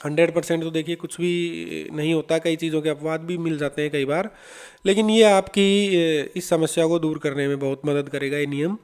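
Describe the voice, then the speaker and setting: A man, teaching an English lesson to schoolchildren and patiently repeating words slowly. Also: a little high, fairly even intonation, darkish tone, clear, resonant tone. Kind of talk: explaining an English lesson in Hindi.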